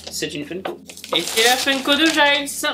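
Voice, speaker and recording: A man's voice: extremely high pitch, big pitch swings, moderate pace, noisy background. A man chatting casually as he unboxes gifts, gushing and exclaiming as he goes. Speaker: book and manga YouTuber.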